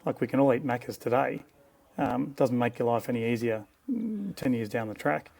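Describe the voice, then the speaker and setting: A middle-aged Australian osteopath, guest and clinic co-director, speaks frankly, reflectively, and with strong opinions in a conversational interview. His mid-range voice is expressive, creaky, slightly mellow, and breathy at the edges, at a normal speed.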